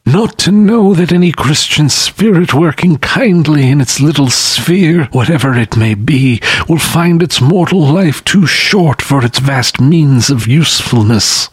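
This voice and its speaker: A man's voice: on the high side, expressive, measured pace, hardly any pauses, slightly rough, no room sound, voice pushed up. A man voicing the anguished, chained ghost of an old businessman in a dramatic audiobook reading, wailing and declaiming. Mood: lamenting.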